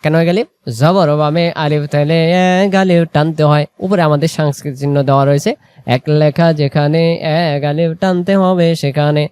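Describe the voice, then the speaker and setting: A man teaching Quran reading, drawing out example words slowly and then explaining quickly, asking and answering his own questions. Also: a little high, steady tone, a little mellow, clear, resonant tone. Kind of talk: explanatory lesson.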